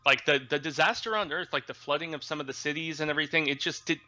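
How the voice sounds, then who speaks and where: A man's voice: a little high, fairly even intonation, quick pace, pushed and bright, highs cut off. A man co-hosting a casual movie review chat, eager and agreeable, often backing up his co-host.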